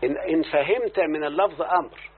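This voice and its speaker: There's a breathy edge to this man's fast, somewhat high voice as he teaches grammar in an Egyptian accent. He explains verses and regularly checks in with his student over a lo-fi, phone-like recording with a faint hiss.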